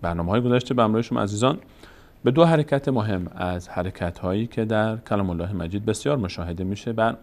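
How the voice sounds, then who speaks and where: A man with a slightly low voice delivers a calm, methodical lesson on reading the Quran. He speaks slowly and deliberately, spelling out the letters of the alphabet patiently, one at a time, in an instructional tone. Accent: Persian. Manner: slow, patient, deliberate explanation with drawn-out letter recitation. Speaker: Quran recitation teacher. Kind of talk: instructional lesson on Arabic vowel marks.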